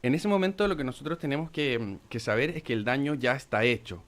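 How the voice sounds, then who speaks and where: A middle-aged man, a doctor explaining step by step in a radio talk, calm and methodical with pauses. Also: mid-range voice. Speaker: physician guest.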